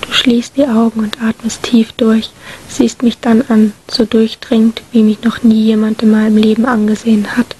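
A woman narrating an emotional first-person story in a whispered role-play, hushed and breathy. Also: fairly high pitch, level tone, moderate pace. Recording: faint hiss.

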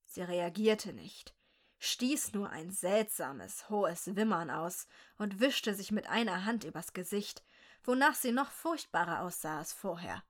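A woman reading a dark first-person story aloud in a slow, measured, quietly tense way. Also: on the low side, animated.

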